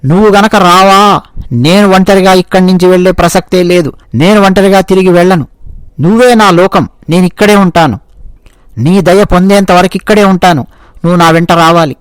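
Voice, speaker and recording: A man's voice: high voice, moderate pace, smooth, no room sound, close to an everyday voice. A man playing a young hunter pleading with his god. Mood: devout. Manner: earnest, coaxing, repeats himself.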